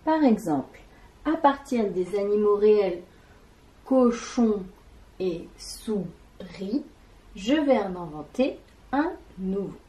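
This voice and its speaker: A woman gives a classroom lesson at a very slow, careful pace. Her voice is mellow and soft-edged, and she lingers on each syllable and sound as she spells them out. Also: medium pitch, big pitch swings, poor audio. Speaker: teacher.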